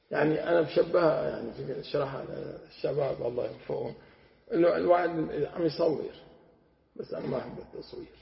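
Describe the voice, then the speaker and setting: Levantine sheikh, gravelly voice, teaches by posing his own questions, recorded in a reverberant hall. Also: fairly high pitch. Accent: Levantine Arabic. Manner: digressive, asks and answers his own questions. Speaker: sheikh teaching Quranic exegesis. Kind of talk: colloquial religious lesson. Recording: echoey hall, dull lo-fi sound.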